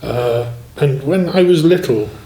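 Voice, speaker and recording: A man in his sixties reminisces about his life in music, rambling easily and leaning on "you know". His voice sits at an ordinary middle pitch. It rings a little in an echoey room. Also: a little slow, mellow. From Swansea, Wales. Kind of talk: relaxed autobiographical chat.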